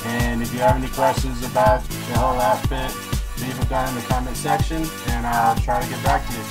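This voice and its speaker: A man's voice: medium pitch, a little fast. A man speaking through a robotic voice changer that morphs his voice, playing a costumed robot and talking casually to his viewers. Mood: flat. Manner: flat, mechanical delivery with fillers. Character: flat-toned male robot in a costume helmet. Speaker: costume hobbyist video host. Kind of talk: casual vlog sign-off. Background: loud electronic music.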